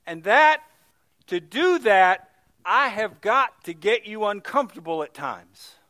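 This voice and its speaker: A middle-aged male pastor telling stories in a sermon, swinging from loud exclamations to hushed, near-whispered moments. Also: high voice, very animated, slow pace, no echo.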